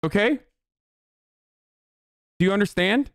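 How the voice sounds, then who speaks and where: Man, 30s, from Turkey, political streamer, blunt profane ranting, slightly high voice, dry close mic. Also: expressive, takes it slowly, no echo. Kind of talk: heated livestream commentary. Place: home room, indoors. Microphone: studio mic on boom arm.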